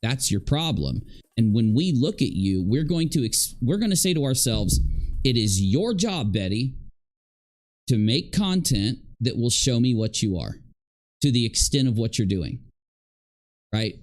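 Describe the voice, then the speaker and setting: Speaking at a measured pace, this livestream host and video creator delivers a casual, rambling rant full of emphasis, repetition and accusation. His mid-range voice is darkish and sing-song.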